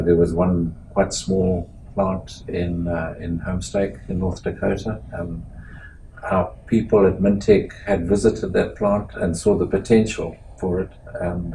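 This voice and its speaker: An older man from Zimbabwe, sitting in an office for an oral history interview, speaking in a measured, halting way with many pauses and restarts. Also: low-pitched, warm tone, a little hiss or hum, low-quality recording. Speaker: interviewee, metallurgist. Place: small office meeting room indoors.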